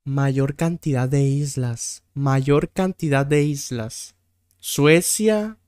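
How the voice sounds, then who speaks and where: A man's voice: mid-range voice, drawn-out words, a little mellow, clean tone, no echo, clean studio sound. A young Mexican man streaming a quiz game, thinking aloud, swearing freely and easily exasperated. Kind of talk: casual gameplay commentary.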